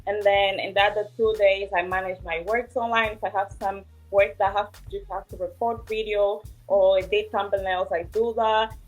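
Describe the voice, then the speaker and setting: A woman in her twenties, from Portugal and raised in Angola, answering interview questions in a hesitant way with many pauses. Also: mid-range voice, level tone, faint music behind, poor audio. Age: 20s. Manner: hesitant, many ums and uhs. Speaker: interview guest. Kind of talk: casual interview.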